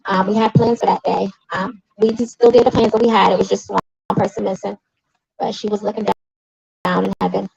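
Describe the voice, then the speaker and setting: Her voice is medium-pitched, husky, a little mellow, and level in tone, with vocal fry and a fairly quick pace. This woman in her forties speaks as a grieving sister at an outdoor rally in the rain, emotional and sometimes erupting in angry accusations. The impassioned protest speech is captured in a dull lo-fi recording.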